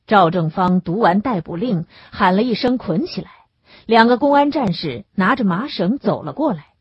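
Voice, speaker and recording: Husky woman narrating an audiobook. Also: mid-range voice, moderate pace, dry recording. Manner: expressive storytelling. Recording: dull lo-fi dry recording.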